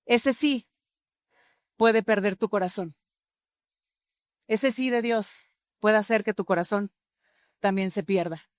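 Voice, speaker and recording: A woman preacher delivering a sermon, animated and acting out voices as she speaks. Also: mid-range voice, slow, long pauses, dry recording, studio quality. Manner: animated, acts out voices of God and sinners.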